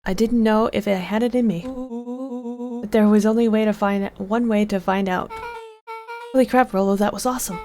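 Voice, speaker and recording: A woman casually reads game character dialogue aloud, joking and tossing in playful asides. Her pitch sits in an ordinary middle range. Faint game music runs under her voice. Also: fairly even intonation, normal speed, pauses often, darkish tone. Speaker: game streamer voicing characters. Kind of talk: casual playthrough reading of dialogue.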